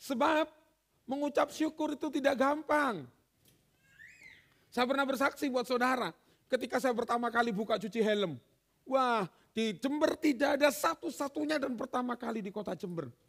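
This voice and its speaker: A man preaching a sermon in a high, gravelly voice. He tells stories and acts out the dialogue, swinging between loud and soft. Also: normal speed.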